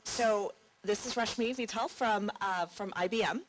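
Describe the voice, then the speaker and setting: A woman's voice: medium pitch, a little slow, background noise. A woman, a conference marketing director, giving a welcome speech from the stage and telling a chatty anecdote.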